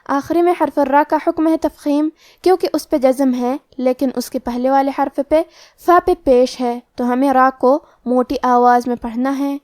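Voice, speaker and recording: Woman with Pakistani Urdu accent, high voice, dry close sound, methodical tajweed teacher. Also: fairly even intonation, darkish tone, no room sound. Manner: methodical, explains each rule then recites the word slowly. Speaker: Quran recitation teacher. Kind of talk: tajweed lesson explaining pronunciation rules.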